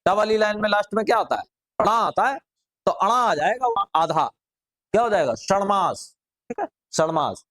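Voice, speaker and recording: A man's voice: high voice, a bit bright. A middle-aged man teaching a grammar class, drilling students with repeated rhetorical questions.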